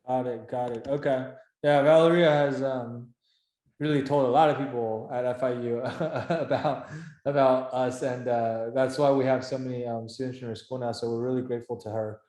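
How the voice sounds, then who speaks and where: A man's voice: mid-range voice, fairly even intonation, moderate pace, mellow. Guy hosting a video call interview, lots of uh and like, kinda echoey room. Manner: filler-heavy, loose and chatty. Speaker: interview host, founder of a career coaching program.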